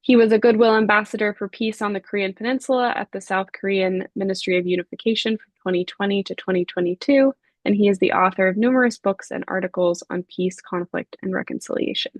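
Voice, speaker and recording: A woman moderating an online talk, introducing speakers in a measured way with frequent fillers. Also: mid-range voice, fairly even intonation, no room sound. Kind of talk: webinar introduction. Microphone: video call.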